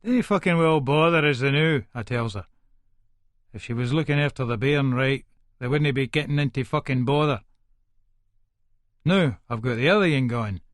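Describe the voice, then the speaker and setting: In a clean, dry studio recording, a man with a mid-range voice voices an Edinburgh hard man in first-person audiobook narration, moving at a moderate pace with long pauses. His lightly acted character is hot-tempered and foul-mouthed, talking in rough, aggressive slang with an irritable, scornful edge.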